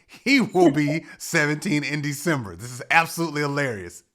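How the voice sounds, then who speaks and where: A man's voice: on the high side, animated, fairly quick, a bit bright. A man in his forties hosting a podcast, asking long, rambling questions with many restarts. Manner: rambling, self-correcting questions. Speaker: podcast host. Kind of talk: conversational interview.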